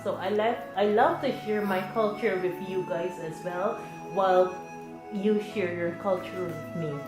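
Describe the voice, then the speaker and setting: Chatty woman from Barbados in an echoey room. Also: medium pitch. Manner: chatty, encouraging, laughs often. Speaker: teacher. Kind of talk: classroom discussion.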